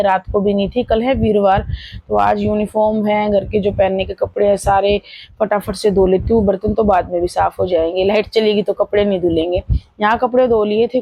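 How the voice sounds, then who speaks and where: A woman's voice: mid-range voice, mellow, breathy edge, no room sound, poor audio. A woman in her thirties chatting through her household chores as a family vlogger, describing each step as she goes. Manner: chatty, running commentary on chores. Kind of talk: casual daily-life vlog narration.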